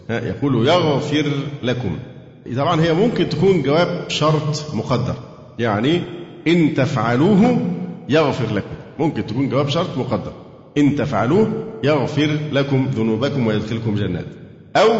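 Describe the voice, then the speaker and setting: A man with an Egyptian Arabic accent teaching a Quran lesson to a class, quizzing his students on grammar and reciting verses slowly. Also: mid-range voice, a little mellow. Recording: echoey hall, dull lo-fi sound.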